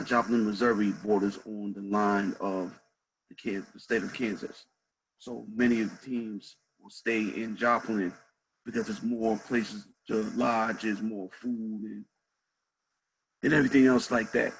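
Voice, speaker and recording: A man's voice: fairly low pitch, gravelly, a little hiss or hum, rough recording. A man, a head coach, telling a story casually and animatedly, repeating phrases for emphasis.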